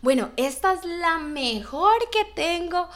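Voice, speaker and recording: A woman quoting a pushy male bike shop salesman in a hushed, persuasive sales pitch. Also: animated, slow pace, full character voice.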